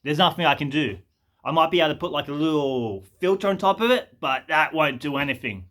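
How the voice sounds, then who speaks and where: A man's voice: fairly high pitch, animated, brisk, a bit bright. A man voicing a curt, rude male roofing tradesman who brushes off every problem bluntly. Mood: dismissive. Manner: blunt and dismissive.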